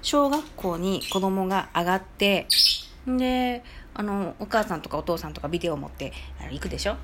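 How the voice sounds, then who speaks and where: Over a very noisy background, a middle-aged podcast host briskly tells her own stories, chatty and lively, performing the voices of people she quotes. Her pitch is medium.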